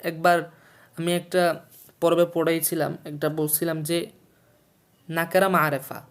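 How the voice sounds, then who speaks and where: A male language teacher from Bangladesh talks through a textbook lesson at a steady, patient pace. He says each new word, gives its meaning, repeats both, and keeps asking his viewers questions to check they follow. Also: on the high side, smooth. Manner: explains slowly, repeats words and meanings, quizzes the listener. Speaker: Urdu teacher. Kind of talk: textbook lesson for a video series.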